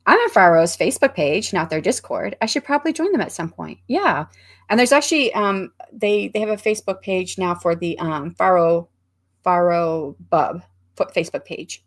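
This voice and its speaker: A woman's voice: lowish voice, animated, moderate pace. A woman hosting a focus livestream, reading viewers' comments aloud and chatting casually with plenty of ums and restarts. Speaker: livestream host reading chat. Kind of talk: casual chat.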